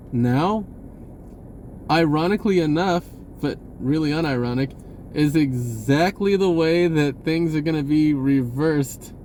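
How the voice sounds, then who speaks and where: This fairly high-voiced man, warm in tone, is a vlogger speaking unscripted and casually as he shares a personal message. He talks in choppy bits, repeatedly looping back on his own thoughts, with a little noise faintly audible behind him.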